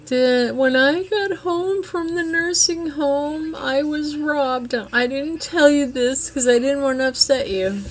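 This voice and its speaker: A woman imitating her elderly mother, whining and manipulative, in a high drawn-out voice. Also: slight background noise, poor audio. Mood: complaining.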